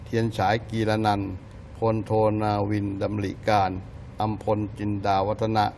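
A man's voice: on the low side, little pitch movement, a little slow, darkish tone, a little hiss or hum. Playful male news panelist. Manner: playful, explains with everyday comparisons. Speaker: news talk show panelist. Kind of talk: casual political news chat.

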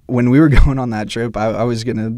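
A man's voice: mid-range voice, steady tone, fast, warm tone, no room sound. A young man, a club officer, chatting enthusiastically in a podcast, rambling a little and saying "yeah, man" often, on a close studio mic. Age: young adult. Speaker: club officer, fundraising chair. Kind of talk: casual chat. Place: small indoor studio. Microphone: large studio mic on boom, headphones.

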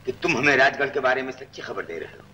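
Stern police chief, lively delivery, bright tone, long hall reverb. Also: male voice, medium pitch, quick pace, a little hiss or hum. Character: stern male police superintendent, confident. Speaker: police superintendent. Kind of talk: 1960s film acting.

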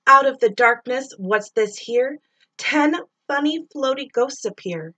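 Her voice sits high and moves a little slowly as this middle-aged woman expressively reads a rhyming children's story. She draws out words and sound effects, much like a teacher reading to pupils.

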